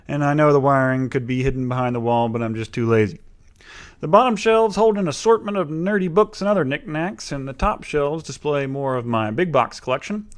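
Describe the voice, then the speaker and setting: A man narrating a casual guided video tour as the guide of his own room. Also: a little high.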